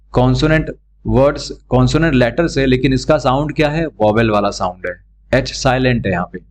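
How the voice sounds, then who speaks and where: This is a man teaching a grammar lesson. He talks at an unhurried, deliberate pace, and his voice sits at an ordinary middle pitch. He drills each word and sound over and over, asking questions and answering them himself. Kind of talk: classroom lesson explaining grammar.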